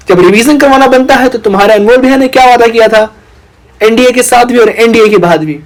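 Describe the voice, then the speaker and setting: A man's voice: very high-pitched, low-quality recording. A young man teaching an online exam-prep lecture, talking playfully and teasing his students as their big brother.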